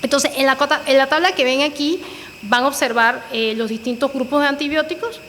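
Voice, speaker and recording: Female physician lecturer, higher voice, explanatory with fillers; echoey reverberant room, faint background noise. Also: brisk, fairly bright tone. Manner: explanatory, frequent "eh" fillers and "¿verdad?" tags. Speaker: pulmonologist lecturer. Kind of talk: medical lecture with slides.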